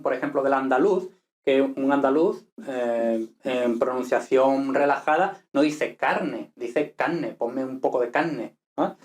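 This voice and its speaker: A man's voice: medium pitch, a little mellow. Man explaining pronunciation. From Spain. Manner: explanatory, frequent "¿vale?" check-ins and repeated model words. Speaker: language teacher. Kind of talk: video lesson on pronunciation.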